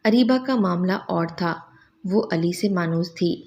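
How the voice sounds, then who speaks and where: Low-voiced woman narrating a sad story. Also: darkish tone.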